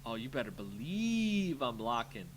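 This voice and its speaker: With a mid-range voice that swings widely in pitch and runs a little slow, a man provides live commentary on a card game he's streaming. He thinks aloud casually, reacting and muttering, over clear background noise with a hum.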